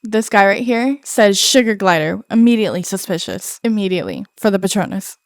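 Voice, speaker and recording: A woman's voice: mid-range voice, sing-song, fairly quick, dry recording, clean studio sound. A woman hosting a video reaction, chatting casually and thinking aloud. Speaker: reaction channel host.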